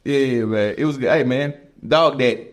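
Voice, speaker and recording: A man's voice: mid-range voice, measured pace, a crowd in the background. A man co-hosting a podcast in a studio, chatting casually, laughing and repeating "man" and "bro". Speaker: podcast co-host. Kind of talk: casual chat.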